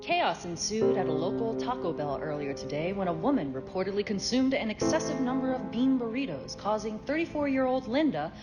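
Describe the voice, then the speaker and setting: A woman's voice: mid-range voice, expressive, a little fast, few pauses. A woman delivering a parody news report in a formal reporter voice. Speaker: mock news reporter in a comedy sketch. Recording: reverberant clip under loud music.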